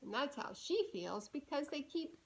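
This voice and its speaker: A woman reads a storybook to young children with lively, deliberate delivery, stopping now and then to ask them questions. Her voice sits high.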